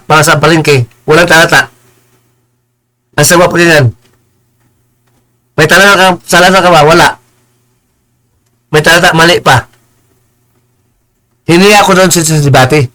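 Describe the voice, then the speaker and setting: A man's voice: on the high side, steady tone, pushed and bright, rough recording. Combative, stammering man ranting on a live stream. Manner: combative, insulting, repeats words and stammers; mixes in slow, preachy English phrases. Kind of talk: heated live-stream rant.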